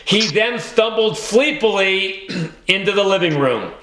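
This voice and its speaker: Slow, bright-voiced male audiobook narrator. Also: high-pitched, animated, roomy sound, slight background noise, poor audio. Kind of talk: scripted first-person audiobook narration.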